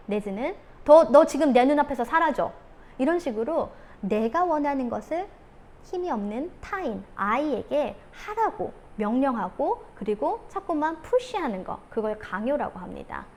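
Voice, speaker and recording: A woman giving a talk on parenting, who acts out scolding mothers in sharp outbursts. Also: a little high, a little hiss or hum. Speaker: parenting coach.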